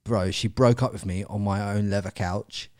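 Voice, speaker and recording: A man's voice: fairly low pitch, steady tone, moderate pace, a little mellow, dry recording, studio quality. A man telling a story as a podcast guest, swearing, laughing often and quoting himself. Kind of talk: casual storytelling.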